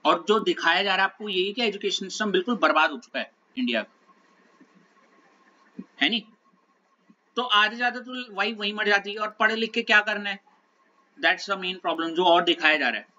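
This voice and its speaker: A man's voice: high-pitched, lively intonation, moderate pace, pauses often, bright, forceful tone, highs cut off. A male teacher giving a conversational classroom talk, often checking that his students are following. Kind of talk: classroom talk, lecture digression.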